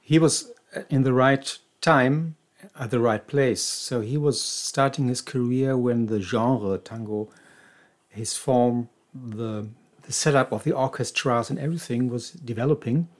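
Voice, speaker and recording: Talking through the history of tango on a podcast he co-hosts, this man sounds casual and well-informed, though he frequently restarts. He speaks unhurriedly at a medium pitch.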